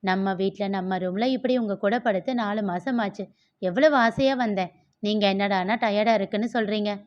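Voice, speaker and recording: A woman's voice: medium pitch, moderate pace, close to an everyday voice. A woman voicing a loving, anxious young wife who pleads affectionately with her husband in a story reading. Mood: pleading. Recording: dull lo-fi.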